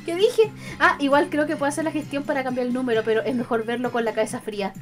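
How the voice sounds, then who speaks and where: Young Chilean woman streamer, high voice, giggly and chatty, soft music under her. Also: level tone, rapid-fire. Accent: Chilean Spanish. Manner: giggly, greets chat by name, swears casually. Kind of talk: casual live-stream chat.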